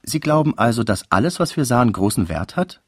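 A man voicing a coy young society girl in an audiobook reading, raising his voice high for her. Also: very animated, a little fast, slightly rough, no echo, studio quality.

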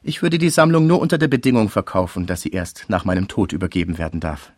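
A man's voice: sits low, fast talker, no room sound, studio quality. A man voicing a kindly, devoted older art collector in an audiobook reading. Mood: earnest.

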